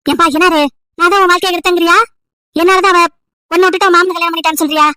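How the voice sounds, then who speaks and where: A woman's voice: extremely high pitch, steady tone, very fast, sharp tone, no echo, studio quality. A woman voicing a nagging, emotional old village grandmother over 70 who scolds and pleads at length. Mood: scolding. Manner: scolding, pleading, wailing complaints.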